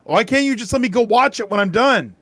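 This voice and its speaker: A male co-host vents in an exasperated, swearing rant. His voice sits fairly high. The sound is dry and close to the mic. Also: expressive, fairly quick, a bit bright, husky, dry recording. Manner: exasperated, profane ranting. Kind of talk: casual live-stream commentary.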